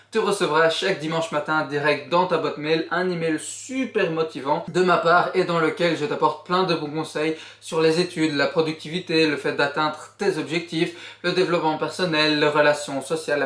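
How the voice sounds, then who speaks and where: A man's voice: a little high, a bit bright, reverberant. A young man summarizing a book in a casual vlog, earnest and encouraging as he speaks directly to the viewer. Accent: Belgian French. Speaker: YouTuber.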